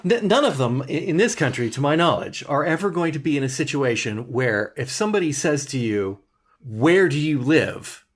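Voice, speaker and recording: A man's voice: a little high, very animated, a little fast, hardly any pauses. A man from the United States co-hosting a podcast, chatting casually and rambling with lots of restarts. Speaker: podcast co-host. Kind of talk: casual chat.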